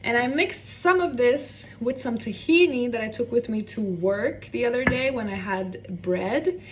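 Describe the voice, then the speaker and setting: A young Norwegian woman with a fairly high, slightly slow voice chats casually while cooking in her home kitchen, wandering off on tangents as a cooking vlogger. The mic sits a bit distant, picking up faint room noise.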